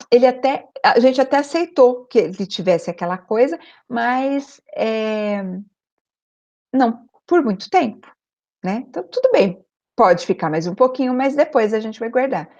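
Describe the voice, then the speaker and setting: A woman's voice: on the high side, a little mellow. Emphatic woman, lo-fi sound. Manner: emphatic, repeats key points, checks in with the listener. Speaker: parenting coach. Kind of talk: advice video monologue. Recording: dull lo-fi recording.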